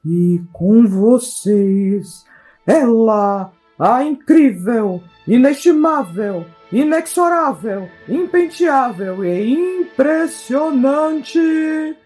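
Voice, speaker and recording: A performer voicing a teddy bear ringmaster who grandly announces a children's puppet show with drawn-out showmanship. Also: medium pitch, animated, darkish tone, soft background music. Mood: grandiose.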